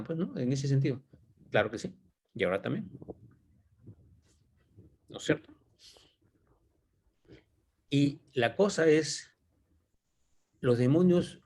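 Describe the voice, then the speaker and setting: A man's voice: medium pitch, warm tone, slight background noise. A man giving an informal Bible teaching, thinking aloud and asking rhetorical questions as he explains the passage.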